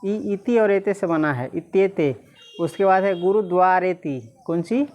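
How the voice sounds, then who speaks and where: A woman teacher, reading Sanskrit slowly syllable by syllable and quizzing the class again and again. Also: on the low side, darkish tone, dull audio. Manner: repeatedly quizzes listeners, slow syllable-by-syllable reading.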